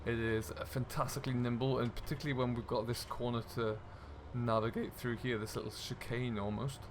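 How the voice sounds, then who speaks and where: This is a host and gaming video creator narrating his farming-game session in an easygoing, talkative way for viewers. He speaks fairly quickly at a medium pitch that barely moves, and there's noise in the background.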